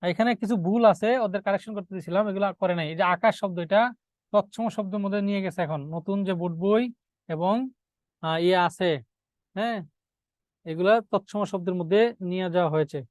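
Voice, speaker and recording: Male teacher, higher-pitched voice, dry close sound; drills exam points by asking and answering, dictates notes. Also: steady tone, dry recording. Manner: repeats key points as questions to students, then answers them; dictates notes, slowing on key words. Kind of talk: exam-prep grammar lecture.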